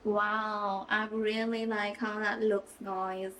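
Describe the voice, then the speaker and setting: Rain and traffic carry on outside while a young beauty vlogger gets ready, doing her makeup and chatting casually with giggles and a playful fake British accent mixed into her own. She speaks slowly and flatly in a mid-range, fairly bright voice, on a low-quality recording from a distant mic.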